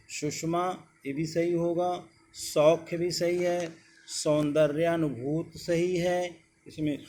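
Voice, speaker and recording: A man's voice: on the high side, darkish tone, slight background noise. A man teaching an exam-prep spelling lesson, reading out words one at a time and correcting each one. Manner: slow, deliberate dictation of words one by one.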